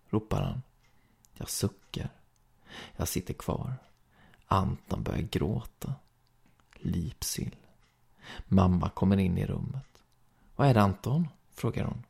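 A man reads ghost stories aloud in a slow, even storytelling manner. His voice is dark and mellow, with a husky, breathy edge. A heavy gravelly fry runs through his low delivery.

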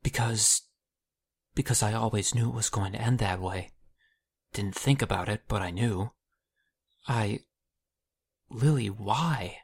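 Actor as a husky-voiced brooding mage in an audio drama. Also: male voice, fairly low pitch. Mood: halting. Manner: halting and defensive. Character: troubled, stubborn young male mage.

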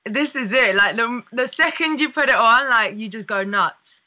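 Woman radio host, bubbly, laughing, bright voice. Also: on the high side, normal speed. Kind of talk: casual interview.

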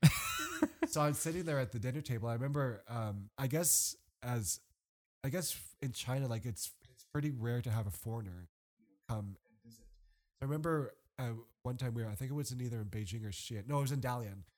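This podcast guest has a mid-range voice and talks a little fast. He's an animated storyteller in casual chat, wandering through his tales with lots of fillers and restarts.

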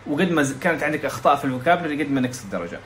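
A young man from Saudi Arabia, tutoring casually for an exam, talking quickly and chattily with frequent restarts and English terms mixed in. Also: on the high side, animated, a bit bright, slight background noise. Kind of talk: casual explanatory lesson.

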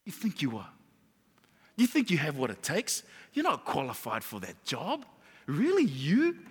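A man's voice: on the high side, huge pitch swings, measured pace, slightly rough, pitched below the performer's own voice, heavily acted. A man voicing the devil as a taunting male doubter, throwing mocking, accusing questions, within his sermon. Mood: sneering. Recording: long hall reverb.

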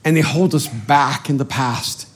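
This middle-aged man from El Salvador, whose first language is Spanish, preaches with animation and self-deprecating humor, frequently restarting and repeating words. His voice is mid-range, and he speaks without hurry.

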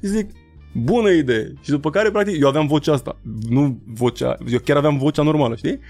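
A man in his thirties, a rapper and beatmaker, telling stories in a casual interview and acting out quotes in high voices. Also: a little mellow, faint music behind.

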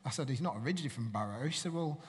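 A man's voice: mid-range voice, animated, rapid-fire, in a large hall. A man from Manchester, giving a sermon in a chatty way and putting questions to the congregation. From Manchester, England. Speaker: preacher.

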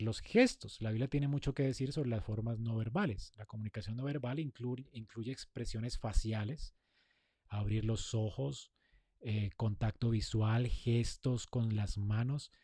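A man's voice: mid-range voice, dark tone, dry recording. A man giving a conversational sermon, acting out sample replies to a spouse. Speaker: preacher. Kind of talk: sermon on marriage communication.

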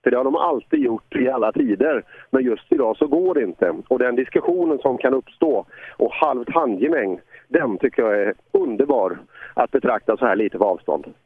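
A man calls a rally stage live, talking casually and loosely, with dry asides about the cars rolling in. His voice sits at an ordinary male pitch. It comes through a tinny, phone-like line. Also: very animated, gravelly, no echo. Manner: chatty, dry humor. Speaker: rally commentator. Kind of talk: live sports commentary.

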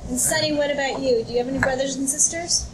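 A woman's voice: high-pitched, steady tone, fast, a loud crowd. A woman casually interviewing people, asking questions and echoing their answers back to check them. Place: community center room. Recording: noisy room ambience.

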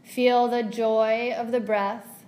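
This woman, a yoga teacher, leads a guided meditation with soft, calming words spaced out by long pauses. She speaks in a rather high register with an even, level tone.

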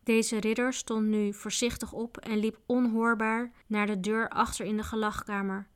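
A woman narrating a children's adventure book in a steady storytelling voice. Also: fairly high pitch, normal speed, smooth. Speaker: audiobook narrator. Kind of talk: scripted narration.

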